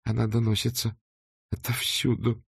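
A man reading an audiobook, voicing a sharp, skeptical young woman who questions things practically. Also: medium pitch, level tone, normal speed, vocal fry, husky, no echo, studio quality.

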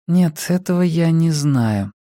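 A man's voice: fairly high pitch, animated, slow pace, mellow, no room sound, clean studio sound, pitched above the performer's own voice. A male audiobook narrator voicing a composed, thoughtful woman detective in a raised voice.

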